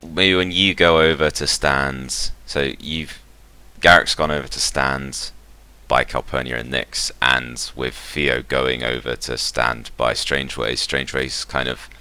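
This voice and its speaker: A man's voice: extremely low pitch, fairly even intonation, a little slow, sharp tone, smooth, dry recording. A man running a tabletop role-playing game, narrating and voicing characters with frequent fillers. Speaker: game master.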